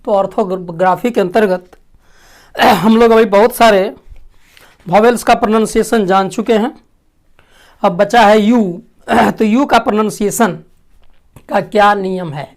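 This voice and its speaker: A woman teaching a language lesson, asking questions and answering them herself, clearing her throat often. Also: mid-range voice, unhurried, long pauses, darkish tone. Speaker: English teacher. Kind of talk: classroom lesson.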